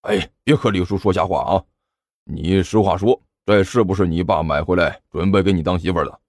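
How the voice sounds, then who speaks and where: A man's voice: low-pitched, fairly quick, darkish tone, no echo, studio quality, pitched below the performer's own voice. A man voicing a stern, suspicious middle-aged uncle from the neighborhood who lectures and scolds. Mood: lecturing.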